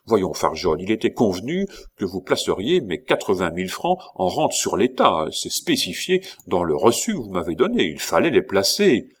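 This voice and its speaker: A gruff army commandant from a storybook, loud and short-tempered, forever on the edge of losing his patience, as a man reads him aloud. The voice sits low and heavy, with punchy emphasis on every complaint. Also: big pitch swings, normal speed, hardly any pauses, full character voice. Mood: irritated. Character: irritable middle-aged army commandant, gambler.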